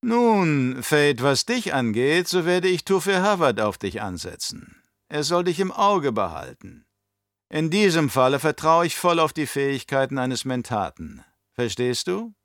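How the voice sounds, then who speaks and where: A man's voice: a little high, big pitch swings, a bit bright, no room sound, clean studio sound, pitched above the performer's own voice, exaggerated voice. A man putting on a sly, menacing old baron. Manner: slow, drawn-out, mocking delivery. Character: scheming old male baron, menacing and condescending. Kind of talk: audiobook character voice.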